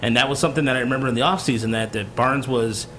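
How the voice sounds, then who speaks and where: Casting: Michigan-raised male podcast host, blunt and animated, faint noise in the background. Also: mid-range voice, racing. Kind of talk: casual sports chat.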